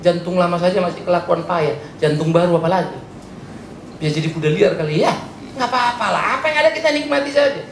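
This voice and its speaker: A male pastor preaching a sermon, chatty and joking, swinging from soft asides to loud high exclamations. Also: fast, vocal fry. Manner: chatty, joking, mixes in English words. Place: church hall. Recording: roomy church hall, faint noise.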